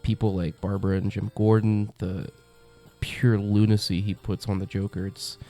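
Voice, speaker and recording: A young man hosting a comic review channel has a cold, so his very low voice sounds gravelly and stuffed up, dark and mellow in tone. In a casual review monologue at normal speed, he's chatty and enthusiastic, though his delivery is flat, with lots of ums and uhs over faint music.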